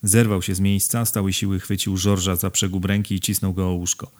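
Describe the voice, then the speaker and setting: A man reading a novel aloud as narrator in a steady, measured way. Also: low voice. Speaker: audiobook narrator. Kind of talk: scripted narration.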